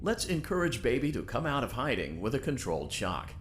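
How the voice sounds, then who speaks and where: A man's voice: mid-range voice, sing-song, a little fast, faint music behind. A man voicing a polite automated computer assistant in a video game, giving scripted instructions in a synthesized system voice. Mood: chipper. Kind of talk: video game character voice, played during a playthrough.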